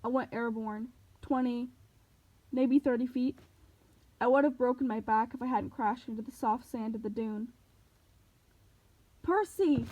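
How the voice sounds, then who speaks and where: A woman's voice: a little high, normal speed. Woman reading a novel aloud. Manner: steady first-person storytelling. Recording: dull lo-fi recording.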